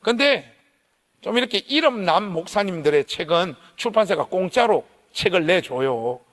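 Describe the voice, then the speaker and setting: High-voiced pastor in a reverberant church. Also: male voice, lively intonation, normal speed, a bit bright. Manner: emotional, vivid storytelling with acted quotes. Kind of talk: revival sermon storytelling. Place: church sanctuary. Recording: long hall reverb.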